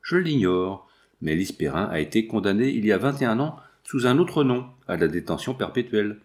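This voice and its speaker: Storybook: calm young lawyer, low voice, measured and grave, read by a male narrator.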